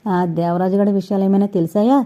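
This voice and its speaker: A woman voicing a sharp-tongued, stubborn old grandmother with a blunt, scolding manner in a dull lo-fi recording. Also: medium pitch, fairly even intonation, fast talker, natural voice. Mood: worried.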